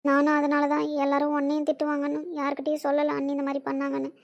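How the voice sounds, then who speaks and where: A woman's voice: high voice, monotone, fast talker, creaky, dull audio. Woman playing a pleading worried young sister. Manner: pleading, soft. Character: young sister, gentle and worried for her sister-in-law.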